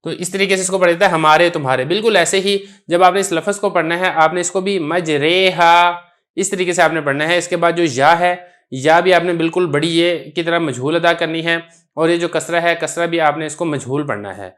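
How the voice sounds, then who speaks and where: A man with a Pakistani Urdu accent gives a Quran recitation lesson, speaking in a fairly high voice. He explains each rule patiently and goes over it more than once. He recites example words slowly and clearly to show how they should sound. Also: a bit bright. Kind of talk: tajweed lesson explaining a text.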